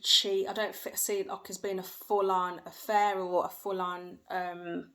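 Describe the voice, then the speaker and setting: This tarot reader speaks to viewers from home in a flat, measured way, her voice on the low side and a bit bright. She hedges, says things more than once and relies on her feelings, with faint noise from her young kids in the background.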